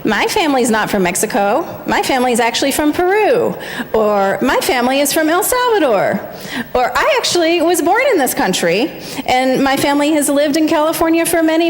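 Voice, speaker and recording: Female family minister, lively storyteller, slightly high voice; recorded in a reverberant church hall. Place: large church sanctuary.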